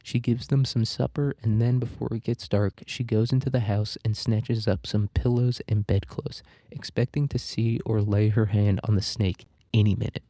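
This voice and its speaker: Man, podcast host, reading story aloud, swearing asides, deep dark voice, dry close sound. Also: fairly even intonation, normal speed, hardly any pauses, no room sound. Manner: irreverent, swearing, laughing asides.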